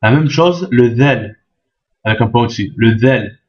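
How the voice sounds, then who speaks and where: A man's voice: mid-range voice, animated, brisk. A man teaching an Arabic reading lesson, patient and repetitive, checking often that the learners follow. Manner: patient, repeats each point, checks with "d'accord?". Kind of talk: step-by-step language lesson. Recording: dull lo-fi sound.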